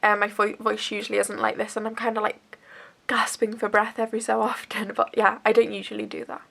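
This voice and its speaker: A woman's voice: mid-range voice, completely flat delivery, brisk, vocal fry, pushed and bright. Chatty young woman with a stuffy cold. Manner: chatty, rambling, lots of fillers. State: bunged up with a cold. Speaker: beauty vlogger. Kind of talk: casual haul chat.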